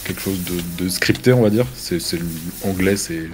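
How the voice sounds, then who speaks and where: A man's voice: sits low, normal speed. A French man chatting casually while playing a game, rambling and restarting his sentences. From France. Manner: relaxed, rambling with many restarts. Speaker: gamer. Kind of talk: casual chat while gaming.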